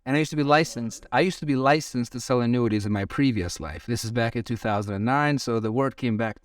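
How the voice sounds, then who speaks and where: A man's voice: mid-range voice, fast talker, no room sound, clean studio sound, distant mic. A man co-hosting a casual talk show, upbeat and enthusiastic as he reacts to his guests and sums up their points. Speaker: podcast co-host. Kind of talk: casual chat.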